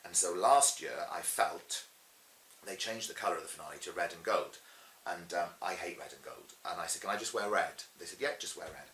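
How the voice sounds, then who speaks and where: Brisk and low-voiced, this middle-aged Welshman from Swansea talks as an interviewed pantomime dame and cabaret performer, spinning lively stories with acted-out quotes. The audio carries a roomy echo and a faint hiss.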